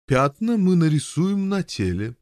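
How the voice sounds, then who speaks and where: A man's voice: on the high side, sing-song, measured pace, a little mellow, dry recording, studio quality, voice pushed up. A man doing an eager, scheming knight. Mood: bossy. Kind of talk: audiobook character voice.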